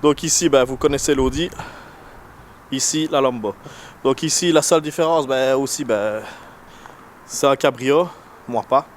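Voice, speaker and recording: A man with an unusual, non-standard French accent hosts a casual car vlog, first inside a car and then outdoors next to parked cars. His mid-range voice moves at a moderate pace with long pauses, and his chatty, hesitant talk is full of fillers and restarts. Vehicle and street noise make the recording noisy.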